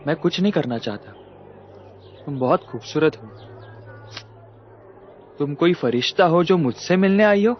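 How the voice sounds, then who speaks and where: An actor dubbing a lecherous, arrogant young nobleman who mocks and leers in a slow drawl. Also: fairly high pitch, expressive, slight background noise. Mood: leering. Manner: leering, mocking, slow drawl. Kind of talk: Hindi film dub. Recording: dull muffled film audio with music.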